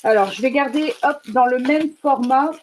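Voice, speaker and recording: A woman running a live shop presentation, chatty and enthusiastic, often filling pauses with little interjections. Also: sits high, a little hiss or hum. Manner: chatty, enthusiastic, fills pauses with "hop" and "euh". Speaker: shop owner presenting new products. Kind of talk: live product demonstration.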